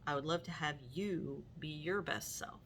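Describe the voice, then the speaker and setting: A woman's voice: low-pitched, moderate pace, a bit bright, a little hiss or hum. A middle-aged woman hosting her own vlog, talking casually to viewers with many fillers and restarts. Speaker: vlog host. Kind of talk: casual talk to camera.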